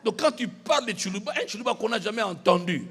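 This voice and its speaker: A man preaching a sermon in a church hall, animated, with bursts of shouting and laughter. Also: sits high, fast. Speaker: pastor.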